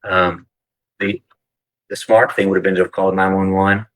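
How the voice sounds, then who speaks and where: A man arguing formally in court as a defense attorney, measured and deferential to the judge. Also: sits low, level tone, fairly bright tone, no echo, low-quality recording.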